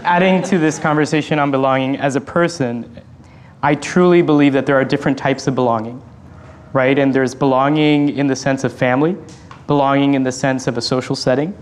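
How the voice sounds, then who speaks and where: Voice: mid-range voice, steady tone, a little fast. A panel speaker talking earnestly and persuasively, using rhetorical questions. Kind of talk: panel discussion.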